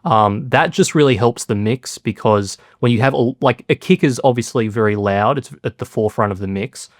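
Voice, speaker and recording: A man casually explaining how he produced a track, relaxed and self-deprecating, with lots of fillers. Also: mid-range voice, moderate pace, dry recording, clean studio sound. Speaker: music producer.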